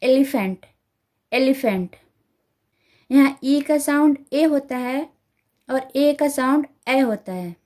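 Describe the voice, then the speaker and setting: A woman teaching letter sounds to parents, repeating each sound carefully and slowly. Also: sits high, a little mellow. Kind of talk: slow instructional explanation.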